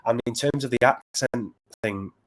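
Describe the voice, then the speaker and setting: Guesting in a laid-back interview, this Preston-born battle rapper speaks with a Northern English accent, sincere and hesitant, often restarting. His voice is medium-pitched, and the recording quality is low.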